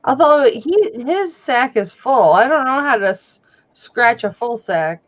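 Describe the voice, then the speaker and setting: A woman's voice: a little high, lively intonation, a little slow, dull audio. A woman chatting and teasing on a casual live stream, laughing often. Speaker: guest on a reseller live stream. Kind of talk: casual joking chat.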